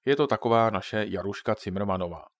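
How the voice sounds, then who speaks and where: A man's voice: fairly low pitch, no echo, clean studio sound, close to an everyday voice. A man voicing a joking father who patiently explains things to his children in a storybook reading. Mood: jokey explaining.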